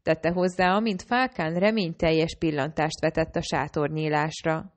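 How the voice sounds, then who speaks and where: A woman with a fairly low voice reads an audiobook aloud. She keeps an even storytelling delivery and only lightly shades the characters' lines. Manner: reads all characters in a lightly varied own voice. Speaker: audiobook narrator. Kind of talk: audiobook narration.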